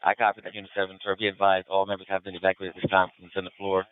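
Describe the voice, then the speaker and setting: A man working as a police dispatcher over a police radio channel, answering units in brisk, clipped radio procedure. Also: low voice, monotone, dry recording. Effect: police radio transmission. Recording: tinny band-limited radio, dry.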